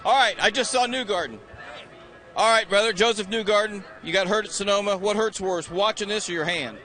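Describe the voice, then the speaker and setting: A man's voice: high voice, brisk, sharp tone. A man in his sixties doing brash, teasing grid interviews on a live race broadcast, out of breath. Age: 60s. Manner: joking, teasing, brash banter. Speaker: pit-lane grid reporter. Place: outdoors on a race starting grid.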